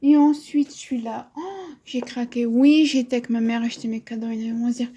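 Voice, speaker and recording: A woman's voice: a little high, a little fast, mellow, slightly rough. A woman in her twenties chatting casually about books she bought, rambling with chatty asides and frequent self-corrections. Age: 20s. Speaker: book vlogger. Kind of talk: casual book haul chat.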